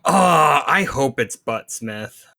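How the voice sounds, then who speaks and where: A man's voice: mid-range voice, lively intonation, slow pace, sharp tone, dry recording. A man co-hosting a podcast, chatting casually and cracking playful jokes. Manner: joking, playful quips. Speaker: podcast co-host. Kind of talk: casual chat.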